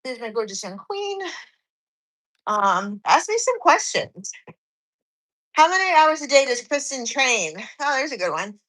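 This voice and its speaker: A woman's voice: high-pitched, sing-song, unhurried, long pauses, fairly bright tone, poor audio. A woman in her forties, slightly out of breath from cardio, chatting on a live stream and reading viewers' comments aloud. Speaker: fitness streamer.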